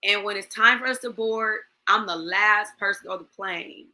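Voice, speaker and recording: A woman in her forties speaking as a guest, her tone bright and forceful. She tells her own story with feeling and acts out the lines of the people in it. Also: medium pitch, moderate pace, poor audio. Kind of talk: personal testimony in an online talk show.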